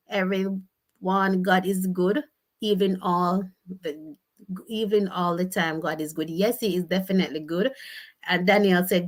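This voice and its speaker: A woman from Jamaica with a Jamaican accent, hosting a casual livestream, telling stories, reading out viewer comments, and slipping into patois with frequent laughter. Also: mid-range voice. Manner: chatty, storytelling, laughs often, switches into patois. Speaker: livestream host.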